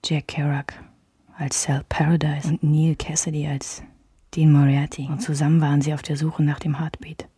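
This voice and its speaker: A quiet, intimate radio drama piece: an actress, speaking in the first person, portrays a reflective woman wounded by her marriage as she recalls it in measured tones. Her voice is low-pitched, mellow, and husky, recorded with no room sound.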